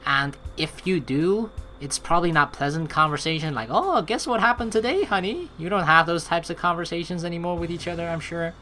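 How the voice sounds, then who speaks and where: Fairly quick, with hardly any pauses, a let's play streamer gives rambling, think-aloud commentary and reads game text aloud. The medium-pitched voice has a sharp tone, with a little hiss or hum in the recording.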